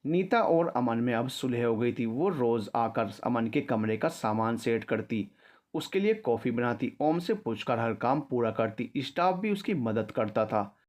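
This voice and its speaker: A man narrating a scripted story in a steady, even storytelling manner. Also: mid-range voice, unhurried.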